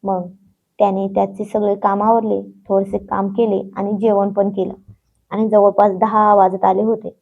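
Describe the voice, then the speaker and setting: A woman reading a story aloud in a steady, plain storybook narration. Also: mid-range voice, moderate pace. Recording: dull lo-fi sound.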